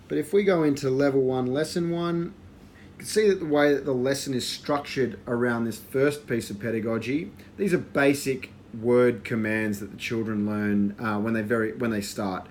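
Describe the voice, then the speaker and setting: A man walking through an educational software system, explaining it in a relaxed way with fillers. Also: mid-range voice, moderate pace, a little hiss or hum. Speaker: presenter demonstrating software. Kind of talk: casual walkthrough.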